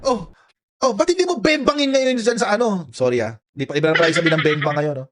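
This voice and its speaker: A man's voice: sits high, fast talker. A man commenting on a political clip, sarcastic and taunting, laughing at the speaker he mocks. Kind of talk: mocking commentary over clips.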